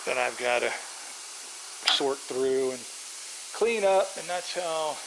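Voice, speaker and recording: A middle-aged man films himself on a handheld camera inside a work trailer. He walks through the trailer and explains it in an offhand, rambling way. His voice sits in an ordinary middle register, and the audio carries a clear layer of hiss and noise. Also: medium pitch, lively intonation, slow. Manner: rambling, practical, offhand with fillers. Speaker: pressure washing business owner. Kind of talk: casual how-to walkthrough. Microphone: handheld camera mic, filming while walking.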